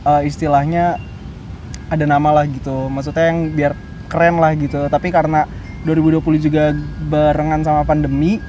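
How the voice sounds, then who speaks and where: A 21-year-old man, being interviewed and chatting casually, pausing often to search for words. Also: fairly high pitch, level tone, dark tone, a little hiss or hum. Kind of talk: casual chat.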